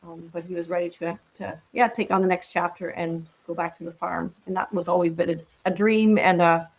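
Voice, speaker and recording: A woman in her sixties from the Netherlands, appearing as a podcast guest, speaks a little fast in a lowish voice with fairly even intonation. The casual interview is reflective and full of ums and restarts, captured on a rough recording.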